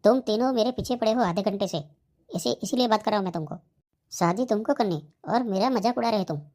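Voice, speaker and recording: A woman voicing a grown married man in a comedy cartoon whose wife has left him, snapping back with quick complaints. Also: medium pitch, mellow, natural voice. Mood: irritated. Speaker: cartoon character.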